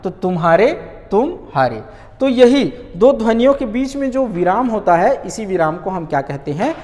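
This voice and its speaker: Man teaching grammar, lively pitch, echoey. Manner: asks rhetorical questions and answers them himself; repeats key words slowly for emphasis. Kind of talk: online grammar lesson.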